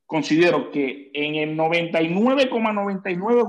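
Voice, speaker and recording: A man's voice: a little high, animated, moderate pace. A man arguing hard in a casual podcast debate, repeating his points over and over. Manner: insistent, repeats himself over and over. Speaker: podcast co-host.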